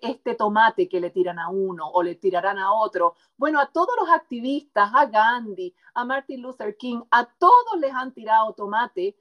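A woman guest author speaking passionately and emphatically in an interview conversation. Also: mid-range voice.

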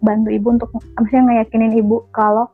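A woman's voice: on the high side, completely flat delivery, quick pace, slightly rough, soft background music. A woman who lives in Manado tells a chatty, aggrieved story down a phone line, quoting what others said. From lives in Manado, not originally from there. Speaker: caller sharing her story. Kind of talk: casual chat.

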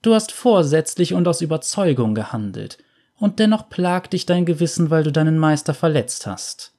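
A man's voice: on the high side, lively intonation, normal speed, darkish tone, voice pushed up. A man putting on a stern veiled woman spirit. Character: veiled female avenging spirit, cold, stern. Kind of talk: storybook narration.

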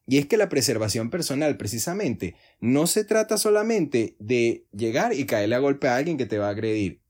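A man's voice: mid-range voice, sing-song, moderate pace, a little mellow, husky. Guy doing a solo podcast, voice jumps all over, acts out bits of dialogue, serious explainer vibe. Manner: earnest, explanatory talk. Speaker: podcast host.

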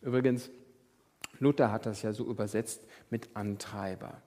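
Brief: male pastor, husky voice, sermon with rhetorical questions, long church-hall reverb. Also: lowish voice, fairly even intonation, moderate pace. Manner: rhetorical questions, swings from loud to whispered.

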